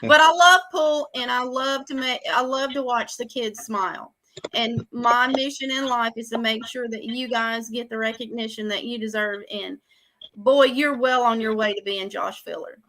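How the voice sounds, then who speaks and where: A woman's voice: fairly high pitch, steady tone, moderate pace, a bit bright, poor audio. A woman interviewing a young player, chatty and encouraging. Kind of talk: casual interview.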